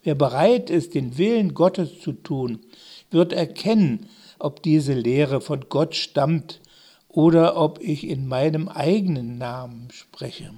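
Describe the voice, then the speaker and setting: Calm earnest male teacher, slow and measured, bit husky, man reading him out. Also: a little high. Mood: solemn. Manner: slow, measured delivery with long pauses. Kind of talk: scripture reading.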